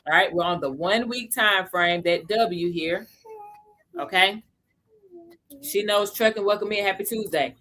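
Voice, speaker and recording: A woman's voice: mid-range voice, a bit bright. A woman hosting a casual livestream lesson on crypto, chatting with viewers and greeting them by name. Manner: slows down to stress key points. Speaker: livestream host teaching crypto basics.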